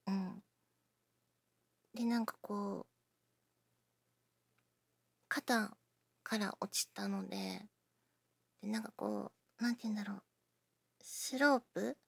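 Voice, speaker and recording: A woman chatting casually to her listeners, self-deprecating, often dropping into breathy near-whispers while she talks through an injured shoulder. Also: medium pitch, sing-song, slow, long pauses, dry recording. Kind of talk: casual personal talk to listeners.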